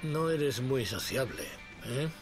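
A man voicing a pushy drinking buddy at a bar in dubbed video game dialogue, coaxing and slow-spoken. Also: medium pitch, expressive, over loud music.

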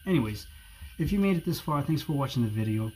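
A man's voice: medium pitch, fast, poor audio. A man with a New England accent giving a casual, informal, conversational product review to viewers as a video host. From New England, USA. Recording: steady background noise.

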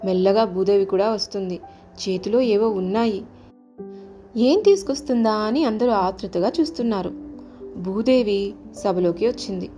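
A woman storyteller narrating a scripted children's tale, calm and expressive, her voice mellow and soft-edged. Faint music plays softly behind her. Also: medium pitch, normal speed, long pauses.

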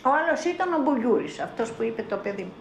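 An older woman from Greece giving spoken testimony as a mother in a documentary, telling her story in halting, broken-off phrases. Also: a little high, expressive, a little hiss or hum. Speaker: mother recounting her son's arrest. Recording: roomy archival 1982 film sound.

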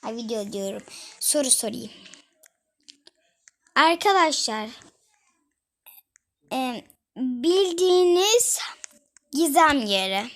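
A woman's voice: high voice, a bit bright, low-quality recording. A young girl chatting casually to her viewers while she plays a game, giggly and talkative. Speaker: gaming vlogger.

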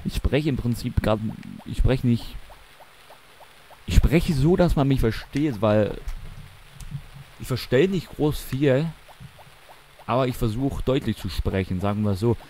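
A young eastern German man with a Mansfeld accent commentates a let's play, rambling casually and correcting himself as he goes. His mid-range voice is mellow and a little slow, with long pauses and slight background noise.

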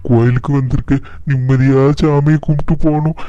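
A man's voice: mid-range voice, fairly even intonation, fairly quick, dark tone, clear, resonant tone, no room sound, lightly acted. A man voicing a weary middle-aged husband and elder brother in a cartoon, exasperated and pleading. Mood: consoling. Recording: dull lo-fi dry sound.

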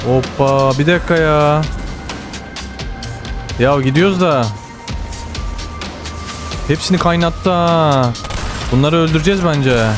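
Excitable Turkish man narrating gameplay. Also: a little high, slow, pauses often, music in the background. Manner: excited, exclaiming, repeats words. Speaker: gamer. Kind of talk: live game commentary.

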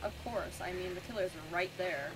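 A woman's voice: on the low side, normal speed. A young woman chatting and laughing a lot while playing an online game with a friend. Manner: giggly and animated, bursts of laughter. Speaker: game streamer. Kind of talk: casual gameplay chat. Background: game music.

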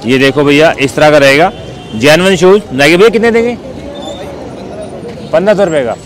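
Strolling an outdoor street market, this man chats upbeat with sellers about prices, often saying "bhai" and "theek hai." He sounds fairly high-pitched, animated and brisk. The rough recording picks up crowd chatter and traffic.

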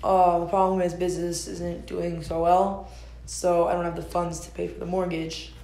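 A young actor in a school play portrays an easygoing adult landowner selling property, rambling hesitantly with lots of ums and uhs. His voice is high-pitched, creaky and darkish, with little pitch movement and normal speed. The room is echoey, with music behind.

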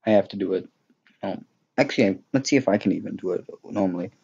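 A man's voice: low voice, quick pace, darkish tone, slightly rough, dull audio. A young man giving casual, joking gameplay commentary, rambling with many fillers and mocking himself. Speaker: gaming YouTuber.

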